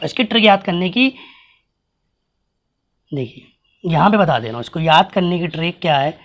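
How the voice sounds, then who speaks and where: A male teacher giving a grammar lesson, sounding out each letter slowly and repeatedly and asking his students questions. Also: high voice, a bit bright. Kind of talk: blackboard-style grammar lesson.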